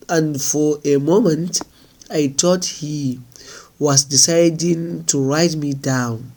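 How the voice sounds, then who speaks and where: A man reading a folk tale aloud in a measured, unhurried storytelling manner. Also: on the high side, mellow. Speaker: narrator.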